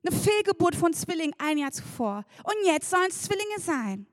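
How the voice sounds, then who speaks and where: A woman preaching a sermon, lively and chatty, laughing and talking straight to the congregation. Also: extremely high pitch, moderate pace, dry recording, studio quality.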